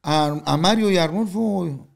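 Gravelly older man telling blunt stories. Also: high-pitched, a little slow. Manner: candid, blunt, swears freely, quotes others in dialogue. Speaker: guest musician. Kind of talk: casual interview storytelling.

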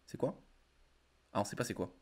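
Young guy reading card text then riffing on it, chill slangy talk. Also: moderate pace. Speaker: card game content creator. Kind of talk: casual card review reading.

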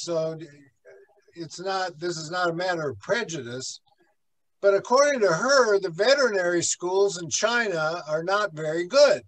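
Slow, high-voiced pastor teaching a class. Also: male voice, fairly bright tone, rough recording. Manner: slow, rambling, with many fillers and asides. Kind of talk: conversational Bible class lecture. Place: church classroom.

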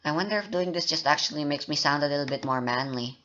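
An indie game developer and YouTuber rambles casually through a game development update, making self-mocking jokes, including about his own voice. He talks fast in a slightly high, sharp voice, and the audio sounds dull.

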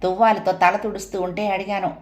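A woman narrating a first-person family story in a steady, even audiobook reading. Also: mid-range voice, fairly quick.

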